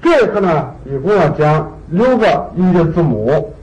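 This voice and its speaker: Lively-pitched male language teacher. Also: a little hiss or hum, low-quality recording. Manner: patient, repeats key points with drawn-out particles. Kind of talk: classroom lecture.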